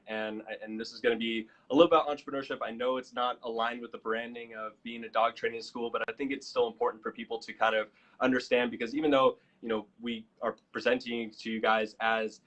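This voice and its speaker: A man's voice: medium pitch, fairly even intonation, brisk, fairly bright tone, muffled recording. An American man hosting a live online show, making upbeat promotional plugs with frequent fillers. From United States. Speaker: host.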